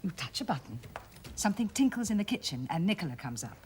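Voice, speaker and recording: A woman plays a socially ambitious middle-aged wife who corrects her husband in a prim, reproving way. Her voice moves with lively pitch. There is a faint hiss under the recording. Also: quick pace. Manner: reproving and genteel. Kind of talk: stage play acting.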